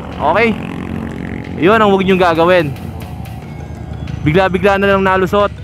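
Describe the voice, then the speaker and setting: A man giving casual, instructive commentary while riding a motorcycle on open roads, recorded on a helmet-mounted action camera. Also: sits high. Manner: chatty, instructive, points out riders. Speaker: motovlogger. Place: outdoors on a moving motorcycle on a road.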